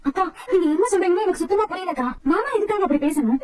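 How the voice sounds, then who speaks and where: Brief: worried young sister-in-law, very high lively voice, fast questions. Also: female voice, distant mic. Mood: concerned. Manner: quick, questioning. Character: concerned young sister-in-law, gentle and puzzled. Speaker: serial actress. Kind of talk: TV serial acting.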